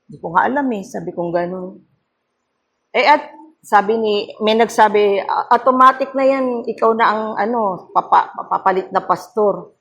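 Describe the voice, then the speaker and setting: A middle-aged woman pastor preaches a devotional sermon to her congregation. She talks in an earnest storytelling way, keeps turning to her listeners for agreement, and her voice sits at an ordinary middle pitch. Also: moderate pace, fairly bright tone, breathy edge. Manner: earnest storytelling, mixing English phrases, frequent "no?" tags. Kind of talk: devotional sermon at a prayer meeting.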